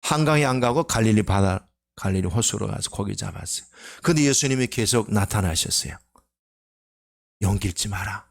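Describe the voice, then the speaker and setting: A man's voice: fairly low pitch, expressive, brisk, creaky. A middle-aged male pastor preaching a sermon, voicing Jesus in raised, emphatic bursts.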